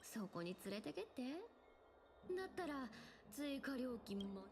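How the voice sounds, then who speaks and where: A woman's voice: high voice, big pitch swings, unhurried, exaggerated voice. A woman voicing a sly, breezy young female treasure-loving thief in an anime game, with a casual, teasing, cocky delivery. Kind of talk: Japanese anime game voice acting.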